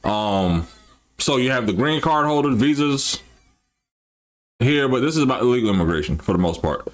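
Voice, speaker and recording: A man hosting a live stream, talking casually and straight to his chat. His delivery rambles, with frequent restarts and easy slang. His voice sits at an ordinary middle pitch for a man. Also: expressive, moderate pace. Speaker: livestream host.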